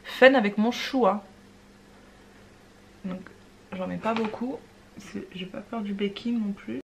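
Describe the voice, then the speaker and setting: A woman's voice: medium pitch, slow pace, vocal fry, background noise. Playful chatty woman doing a makeup tutorial. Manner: playful, trying out foreign words and repeating them; chatty, sometimes dropping to a soft murmur while working. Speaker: beauty vlogger. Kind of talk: casual makeup tutorial chat.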